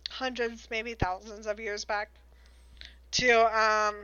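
A young woman casually chatting and retelling an audiobook, animated, laughing often and swearing freely. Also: mid-range voice, slow, no echo, dull audio. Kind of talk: casual chat recapping an audiobook.

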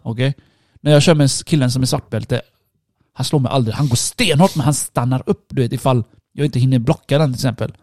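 A man's voice: mid-range voice, darkish tone, no echo, studio quality. A worn-out man in casual chat, telling a story with lots of swearing. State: tired, worn out.

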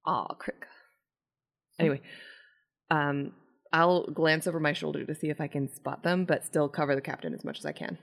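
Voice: medium pitch, steady tone, moderate pace, creaky, long pauses. Hesitant tabletop game player. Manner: hesitant, many fillers. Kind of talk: casual tabletop role-play.

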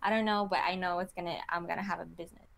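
A model from Kazakhstan in her twenties chats through an interview, giggling and filling gaps with phrases like "you know." She talks rapid-fire in a fairly low, steady voice with vocal fry and a fairly bright tone, over a slight hiss or hum.

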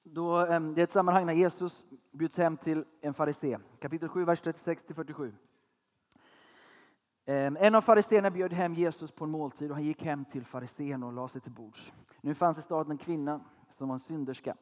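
Chatty preacher, slightly high voice. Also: male voice, steady tone, in a large hall. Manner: chatty, asks listeners questions. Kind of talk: conversational sermon.

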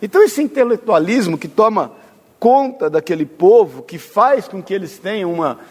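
A man's voice: sits high, expressive, moderate pace, darkish tone, husky, long reverb tail. A man preaching a sermon as pastor, earnest and speaking straight to the congregation, sometimes tripping over his words. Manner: earnest, addresses congregation directly, stumbles on words.

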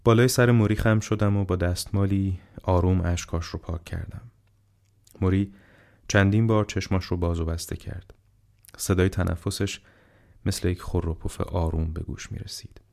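A man narrating an audiobook in a measured, calm and unhurried way. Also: low voice, gravelly.

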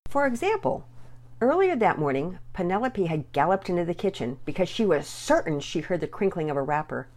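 A woman narrating a children's storybook in an expressive, gently animated reading. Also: on the low side.

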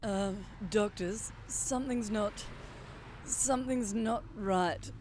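A woman's voice: medium pitch, slow pace, a little mellow, slight background noise, close to an everyday voice. A woman playing an anxious field reporter in a parody live news report, faltering and distressed. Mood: uneasy, woozy.

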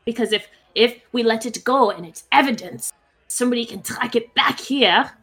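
A woman's voice: on the high side, moderate pace, fairly bright tone, breathy edge. A woman playing a tabletop game on a stream, chatting casually in and out of role with playful drama. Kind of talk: casual role-play chat.

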